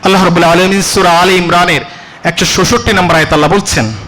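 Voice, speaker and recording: A man preaching a sermon. He asks the congregation rhetorical questions and chants Arabic verses slowly. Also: sits high, fairly even intonation, pushed and bright, slight background noise, poor audio. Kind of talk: Bengali religious sermon (waz).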